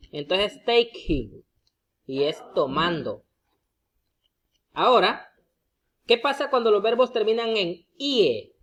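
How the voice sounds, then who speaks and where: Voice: mid-range voice, a bit bright, highs cut off. Patient teacher repeating each example. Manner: addresses the viewer directly, often with a coaxing "look". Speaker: English teacher. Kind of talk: explaining grammar rules to students.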